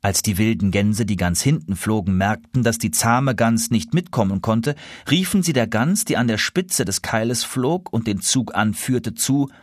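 A male storyteller reading a fairy tale aloud with expressive delivery. His pitch rises and falls a great deal. The recording is close and dry. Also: normal speed, few pauses, no echo.

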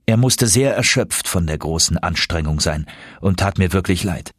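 A man reading first-person audiobook narration in a steady, measured storytelling manner. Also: sits low, slightly rough, dry recording, studio quality.

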